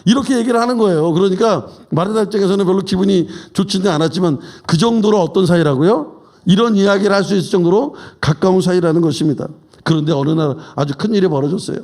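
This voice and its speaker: A man's voice: sits high, quick pace, darkish tone. A middle-aged male pastor giving a sermon in a conversational way, asking the congregation questions and acting out quoted dialogue in everyday speech.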